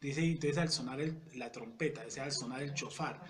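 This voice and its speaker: A man teaching a Bible study in a conversational way. He often checks in with the audience and reads scripture verses slowly and deliberately. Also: medium pitch. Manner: conversational, keeps asking "yes or no?" to the audience.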